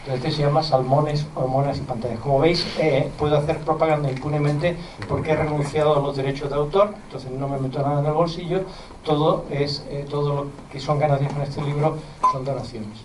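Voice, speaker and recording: Middle-aged lecturer, mild Andalusian accent, earnest and chatty, distant mic in an echoey hall. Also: male voice, on the high side, steady tone, fairly quick. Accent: mild Andalusian Spanish. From southern Spain. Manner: earnest, conversational lecturing with asides to the audience. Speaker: physician and university lecturer. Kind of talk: public lecture to parents. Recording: roomy hall, distant mic, faint background noise.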